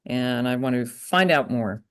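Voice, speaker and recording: A woman's voice: extremely low pitch, lively intonation, measured pace, clean tone. A woman from the public speaking informally in an online meeting, with her camera off. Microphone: video call without camera.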